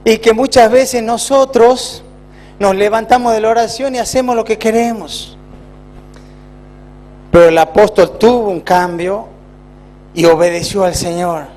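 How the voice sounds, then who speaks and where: A man with an Argentine accent, a pastor preaching a sermon in a church with emphatic rises and slow, drawn-out phrases. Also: sits high, a little mellow. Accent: Argentine Spanish.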